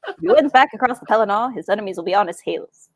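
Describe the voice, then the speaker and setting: A woman voicing a messenger in a brisk 1940s radio-announcer manner. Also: medium pitch, lively intonation, dry recording. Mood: urgent.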